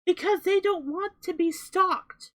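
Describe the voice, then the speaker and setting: A woman's voice: extremely high pitch, unhurried. A young woman giving an emphatic reaction commentary, repeating her points and swearing now and then.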